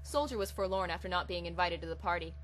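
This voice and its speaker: A woman with a fairly low, fairly bright voice talks at a quick pace as she hosts a comic fan fiction reading. She begins with a casual introduction, then reads the piece aloud dramatically, while hum and hiss sit in the background.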